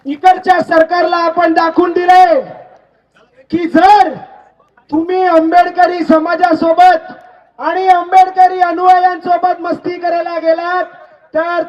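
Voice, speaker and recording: A young man, a political leader and lawyer, giving a steady, declamatory speech at an outdoor protest rally. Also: very high-pitched. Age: young adult. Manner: chants slogans, then speaks in a steady, declamatory way. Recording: distant, dull rally recording.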